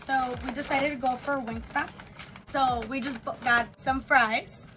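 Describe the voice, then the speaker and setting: A woman's voice: sits high, steady tone, measured pace, pushed and bright, a little hiss or hum. A woman in her twenties hosting a casual eating video, chatting and switching between English and Spanish. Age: 20s. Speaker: host. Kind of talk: casual chat mukbang.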